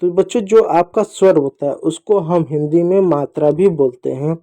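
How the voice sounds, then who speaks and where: A man's voice: on the high side, normal speed, warm tone. A man teaching young children a lesson, patiently repeating each sound and asking and answering his own questions. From India.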